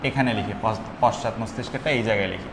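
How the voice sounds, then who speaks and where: A young man teaching a biology class, repeating terms slowly and quizzing his students. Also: lowish voice, background noise. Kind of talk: classroom lecture. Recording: echoey room, faint ambience.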